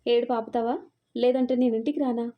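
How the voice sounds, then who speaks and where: A woman's voice: fairly high pitch, level tone, a little fast, dull audio, lightly acted. A woman reading the part of a domineering, possessive young man who scolds and threatens. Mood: menacing. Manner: commanding, scolding.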